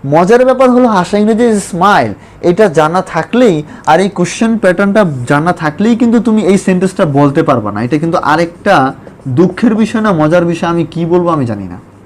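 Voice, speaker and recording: A man teaches spoken English in an online lesson. He talks emphatically and repeats points, then slows right down to spell out English examples. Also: high-pitched, lively intonation, a little hiss or hum.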